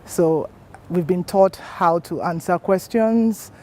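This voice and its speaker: A woman from Nigeria speaks about her research and training in a warm, mellow voice. Her delivery is measured and articulate. Faint ambient noise runs behind her. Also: on the low side. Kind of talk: interview testimonial.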